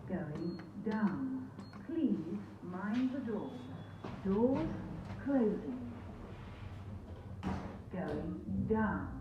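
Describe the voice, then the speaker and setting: A woman's voice: fairly low pitch, sing-song. Automated woman's lift announcement voice. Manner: slow, clipped automated announcements. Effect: automated lift announcement over a loudspeaker. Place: inside a lift car. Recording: echoey, dull lo-fi lift speaker.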